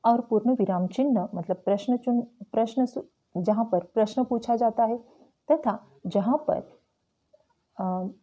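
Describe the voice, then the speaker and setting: A woman teacher explaining a Hindi grammar lesson slowly and carefully to school students. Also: a little high, mellow. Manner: slow, careful explaining with frequent "tो चलो".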